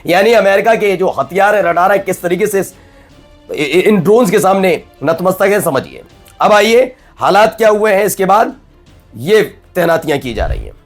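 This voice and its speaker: A man presenting news commentary in a conversational, animated way, with frequent restarts. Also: high-pitched, normal speed, faint music behind.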